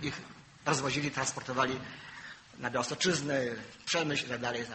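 An older male preacher gives a sermon in a very bright, forceful, somewhat high voice. He tells stories from his own life. His emphatic points rise loud, then fall into low, murmured asides, over a faint hum of ambient noise. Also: poor audio.

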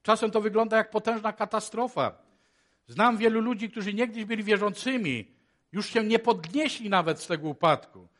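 A man preaching a sermon in a chapel, moving between hushed and loud passages and asking many rhetorical questions. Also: high voice, normal speed.

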